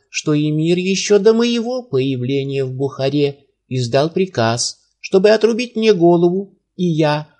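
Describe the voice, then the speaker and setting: Shrill old court sage, panicky and quavering, put on by a male reader. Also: a little mellow. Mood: trembling. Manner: quavering, wailing protests.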